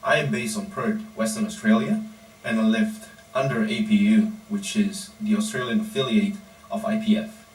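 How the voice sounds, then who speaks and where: Low-voiced young man, roomy echo. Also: normal speed. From Indonesia. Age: 20s. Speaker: powerlifting coach and founder. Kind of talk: prepared personal monologue. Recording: roomy echo, distant mic, faint background noise.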